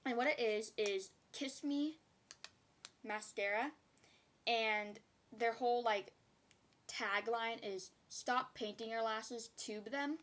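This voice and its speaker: A woman's voice: on the high side, slow, pauses often, a bit bright, a little hiss or hum. A young woman chatting casually in a beauty haul video, rambling with giggly asides. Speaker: beauty vlogger.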